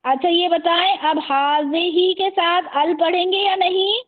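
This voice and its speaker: A woman teaching an Arabic grammar class over a video call, patiently quizzing her students and slowly repeating terms. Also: very high-pitched, fairly even intonation, phone-quality sound. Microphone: video call microphone.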